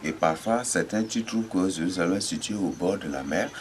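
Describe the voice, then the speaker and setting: Low-voiced man, informal Bible teacher, halting and repetitive, spells out words; faint birdsong behind him. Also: slight background noise. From Chad. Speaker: religious teacher.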